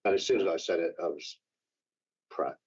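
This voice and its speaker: Hesitant husky man at a hearing. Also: low voice, darkish tone. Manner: halting, repeats words, hesitant. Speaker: councillor under investigation. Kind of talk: formal hearing testimony. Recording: dull lo-fi meeting room audio.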